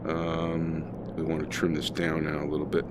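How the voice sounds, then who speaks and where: A man with a very low voice talks casually through a flight simulator session, thinking aloud and pausing on fillers. A steady noise hums under the recording. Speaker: flight sim streamer. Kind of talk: casual gameplay commentary.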